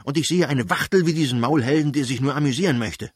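A man's voice: medium pitch, slightly rough, dry recording, clean studio sound, pitched above the performer's own voice, natural voice. A man voicing a hot-tempered elderly prince who scolds his wife in scornful outbursts, in a reading of a novel. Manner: blustering, scornful, quick outbursts.

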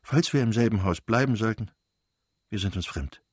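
A man voicing a bitter, furious betrayed noblewoman in a shrill, raised voice. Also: lively intonation, normal speed, a little mellow, husky, no echo, studio quality. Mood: bitter, brooding. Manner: shrill, screaming outbursts.

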